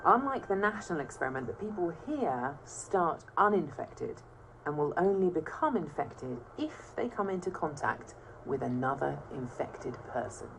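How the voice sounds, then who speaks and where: A woman with a British accent presenting and narrating a documentary in a clear, measured, explanatory way. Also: deep voice, very animated, slight background noise, rough recording. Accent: British English. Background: documentary music.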